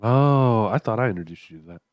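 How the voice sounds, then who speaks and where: A man's voice: lowish voice, lively intonation, a little fast, dry recording, highs cut off. A man co-hosting a whiskey podcast with a cough and stuffy nose, chatting and telling rambling jokes. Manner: joking, rambling storyteller. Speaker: podcast co-host. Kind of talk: casual chat and whiskey review.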